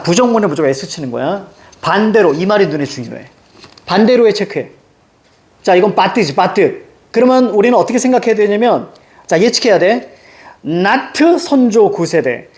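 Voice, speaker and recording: Animated, high-pitched male teacher quizzing. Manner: emphatic, quizzing students with constant check-ins. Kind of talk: Korean reading lesson.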